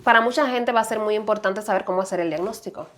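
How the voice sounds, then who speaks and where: Woman, podcast host, measured, affirming, medium pitch. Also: fairly bright tone. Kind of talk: interview questions.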